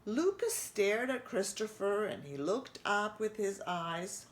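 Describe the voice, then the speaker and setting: At a slow pace and in a mid-range voice, a woman in a church reads a storybook to children with expression, breaking off to ask them questions.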